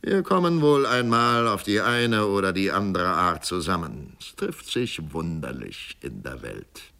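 A man's voice: fairly low pitch, sing-song, a little slow, sharp tone, heavily acted. A man voicing a mocking, mock-polite older executioner who taunts his old enemy in a storybook reading. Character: sneering mocking male town executioner, older. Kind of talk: audiobook character voice.

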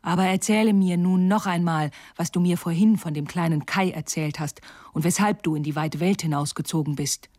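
A woman's voice: fairly low pitch, a little fast, few pauses, darkish tone, dry recording, clean studio sound, lightly acted. A woman voicing a wild, fierce little robber girl in a storybook, blunt and teasing, at times whispering.

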